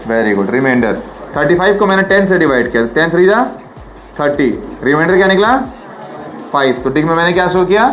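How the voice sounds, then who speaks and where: सवाल दोहराता हुआ हिंदी-अंग्रेज़ी शिक्षक. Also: male voice, on the high side, animated, brisk, a bit bright, faint music behind, rough recording. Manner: quizzing, repeats questions, drills pronunciation. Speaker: teacher. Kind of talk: classroom lecture.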